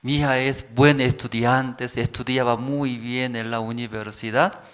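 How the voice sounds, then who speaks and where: Bitter mourning parent, accusing lament, middle pitch, put on by a preacher. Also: male voice, fairly even intonation, moderate pace, fairly bright tone, clean tone, natural voice. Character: grieving parent blaming the other's child.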